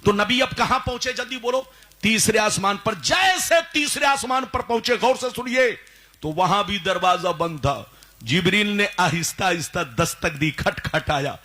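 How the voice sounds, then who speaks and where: A male Islamic preacher giving a sermon at a live religious gathering. He keeps calling on the crowd to answer loudly and slips into a sung chant on some phrases. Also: sits high, expressive, moderate pace.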